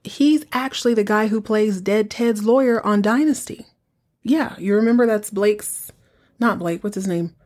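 A woman's voice: mid-range voice, darkish tone. A woman hosts a recap show in a mid-range voice. Her delivery is informal and conversational, like storytelling among friends. She often breaks off for asides and puts rhetorical questions to the listener. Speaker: podcast host. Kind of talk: casual chatty episode recap.

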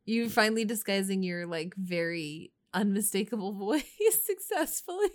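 A woman's voice: mid-range voice, normal speed. A woman co-hosting a casual podcast chat, often laughing as she talks. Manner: giggly, often laughing while talking. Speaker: podcast co-host.

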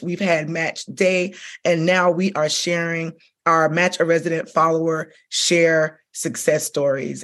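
Enthusiastic chatty woman podcast host. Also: fairly low pitch. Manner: enthusiastic, chatty, repeats "okay?" and "like". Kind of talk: interview podcast.

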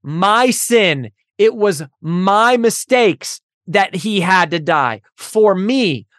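A woman's voice: mid-range voice, expressive, extremely slow, no echo. A woman speaks close to the mic in a dry, dead room. She is hosting a faith podcast and preaches with earnest conviction. She drives her points home through repeated, intensifying phrases. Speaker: podcast host. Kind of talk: religious teaching monologue.

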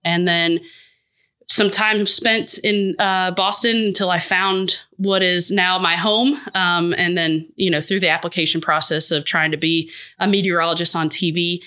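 Woman weather forecaster with a bit of a massachusetts accent, bright clear voice, talks fast, chatty. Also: on the low side, steady tone. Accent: slight Massachusetts. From Georgia. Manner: fast-talking, laughs often. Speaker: TV meteorologist, guest. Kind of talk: casual interview chat.

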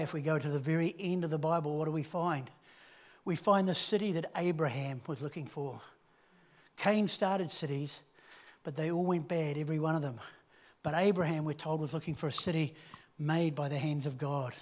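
High-voiced preacher telling a story. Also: male voice. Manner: storytelling, swings between loud emphasis and hushed low tones. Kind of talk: sermon.

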